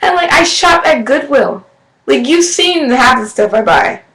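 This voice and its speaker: Loud, bright young woman in a roomy recording. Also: high voice, big pitch swings, a little slow. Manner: loud, candid, laughs often. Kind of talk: casual chat. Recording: roomy echo.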